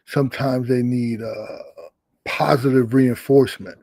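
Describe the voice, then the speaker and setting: A middle-aged man speaking as a boxing coach, with a gravelly edge to his mid-range voice. He talks loosely and frankly, cursing casually. The sound is dry and close. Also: medium pitch, steady tone, measured pace, darkish tone, dry recording, rough recording. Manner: loose and candid, swears, laughs easily. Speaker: boxing head trainer. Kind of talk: casual interview answers.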